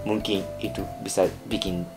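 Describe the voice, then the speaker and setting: A man's voice: deep voice, flat delivery, normal speed, creaky, music in the background. A young man from Kansai in Japan with a Japanese accent, chatting playfully to camera and slipping in Japanese particles. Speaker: vlogger. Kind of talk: casual chat to camera.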